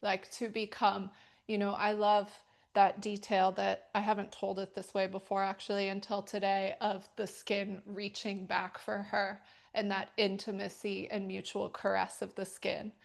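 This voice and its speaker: A woman's voice: medium pitch, completely flat delivery, measured pace, creaky. A middle-aged woman teaching a yoga class and telling stories, talking casually and rambling with many fillers. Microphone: wearing a microphone.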